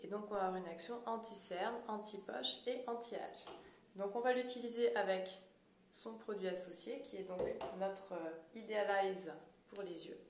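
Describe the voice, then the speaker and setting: A woman's voice: medium pitch, moderate pace. Woman demonstrating skincare device, patient step-by-step explanation, roomy echo, faint background hum. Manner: explanatory, addresses viewers directly. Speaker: beauty product seller. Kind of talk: product demonstration tutorial.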